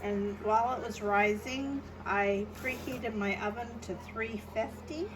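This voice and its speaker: A middle-aged woman, a home baking vlogger, chats warmly through a bread recipe step by step in her kitchen as a casual cooking demonstration. Her mid-range voice moves at a measured pace, with background noise present.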